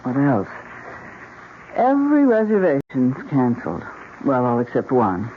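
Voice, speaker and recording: Casting: worried, sombre wife for radio mystery, narrow phone-like vintage broadcast sound. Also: female voice, very deep voice, huge pitch swings, unhurried, full character voice. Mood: resigned, worried. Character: worried, resigned wife facing financial ruin. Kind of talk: old-time radio mystery acting. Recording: thin, narrow-band hissy old radio broadcast.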